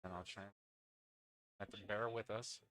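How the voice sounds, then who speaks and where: A man's voice: lowish voice, fairly even intonation, unhurried, a bit bright. A man calling a pool league match live, chatting with his co-commentator between shots. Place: indoors at a pool league venue.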